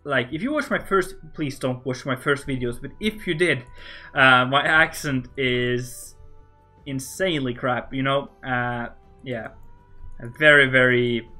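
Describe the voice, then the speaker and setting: A man from Norway, speaking English with a Norwegian accent, slowly narrates a building session, muttering to himself and cracking jokes for his viewers. His pitch sits in a middling register, and his delivery is relaxed and unhurried. Soft music plays faintly behind him. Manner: rambling, self-talking while building, joking. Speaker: Minecraft builder streaming. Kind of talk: casual building commentary.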